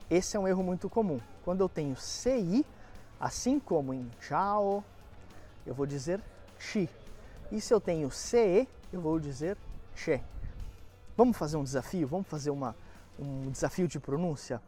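A man from Brazil teaching Italian on a live walking lesson outdoors. He drills words slowly and checks in with listeners. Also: a little high, animated, warm tone, soft background music. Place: walking outdoors in a historic city centre.

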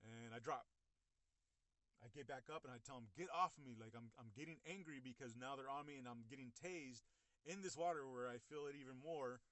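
A man's voice: mid-range voice, no room sound. Young man, casual first-person storytelling, lots of uh and like, restarts, blunt and profane, dry close sound. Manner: halting, full of "uh" and "like", frequent restarts. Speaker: person recounting his own experience.

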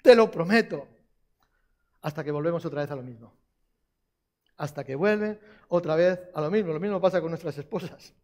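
A man's voice: fairly high pitch, a little fast, a little mellow. A man preaching a sermon, repeating key phrases for emphasis and putting questions to the congregation.

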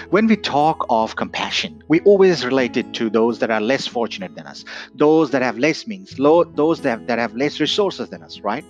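A man from Nepal giving a reflective, earnest talk, often asking "right?". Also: mid-range voice. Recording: dull lo-fi audio with faint guitar.

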